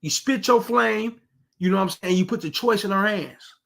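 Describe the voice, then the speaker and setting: This reaction commentator speaks at a normal speed in a high, creaky, fairly bright voice. He's watching a street clip and giving the guys crude, no-nonsense dating advice.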